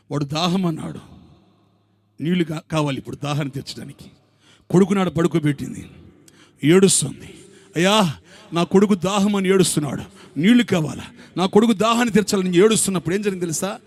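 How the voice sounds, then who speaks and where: A male preacher with a high-pitched voice delivers a revival sermon. He fires call-and-response questions at the congregation and demands loud hallelujahs. His delivery keeps climbing into ringing shouts. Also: gravelly. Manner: calls for loud amens and hallelujahs, rising to shouts. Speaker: pastor. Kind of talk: Pentecostal-style revival sermon.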